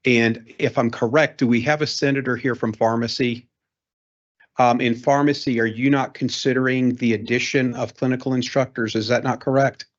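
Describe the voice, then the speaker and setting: A man's voice: mid-range voice, fairly even intonation, normal speed. A man presenting a proposal and answering questions at a meeting in an auditorium, accommodating and a little hesitant. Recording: dull lo-fi meeting recording.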